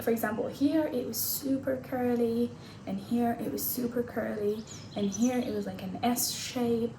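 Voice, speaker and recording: A woman in her twenties talking casually and candidly to the camera, laughing at herself now and then. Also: mid-range voice. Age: 20s. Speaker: vlogger. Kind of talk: casual talking-head vlog. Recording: echoey room with audible background noise.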